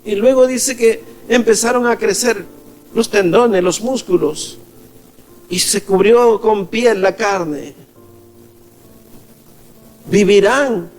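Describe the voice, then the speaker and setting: This Ecuadorian pastor preaches a sermon in a high-pitched voice, speaking slowly with frequent pauses while faint music plays behind him. He calls the congregation "amados," meaning "beloved," and acts out the voices he quotes.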